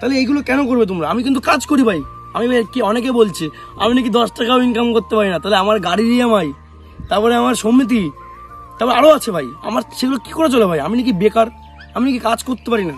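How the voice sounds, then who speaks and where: A man's voice: very high voice, lively intonation, fast talker, soft background music. A young man from West Bengal, a vlogger talking casually to the camera, answering comments in a defensive way with many rhetorical questions. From West Bengal, India. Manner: defensive, rhetorical questions, calls viewers bhai.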